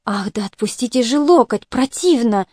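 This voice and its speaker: Woman voicing a cool reserved young noblewoman, quietly defiant, mellow, dry close recording. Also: fairly high pitch, expressive, moderate pace, dry recording. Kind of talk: audiobook character reading.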